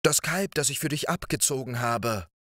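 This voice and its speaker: A man's voice: lively intonation, moderate pace, fairly bright tone, dry recording, clean studio sound, close to an everyday voice. A giant's anxious, kindly wife with a raised, worried voice that coaxes and pleads, as a man reading a fairy tale puts her on. Her lines rise and fall with feeling. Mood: coaxing. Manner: high, worried and coaxing. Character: giant's kind, anxious wife, middle-aged woman.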